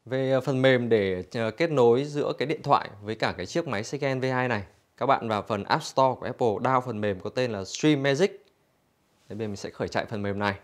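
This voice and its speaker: A man's voice: medium pitch, fast talker. A man giving an infomercial-like product demonstration for a store, explaining conversationally to customers.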